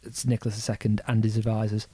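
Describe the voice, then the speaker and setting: A man's voice: fairly low pitch, little pitch movement, fast talker, warm tone, slightly rough, no room sound. A man casually explaining history on a podcast, rambling and swearing, with many restarts. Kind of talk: casual chat.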